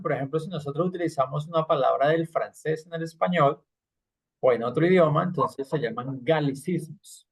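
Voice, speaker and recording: A man's voice: a little high, vocal fry, breathy edge. A man teaching an online English class, explaining patiently and checking in with frequent tag questions.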